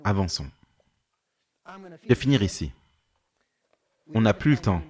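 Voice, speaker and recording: A man's voice: fairly low pitch, animated, a little slow, a little mellow. A male preacher telling a story in a sermon, acting out the dialogue with animation.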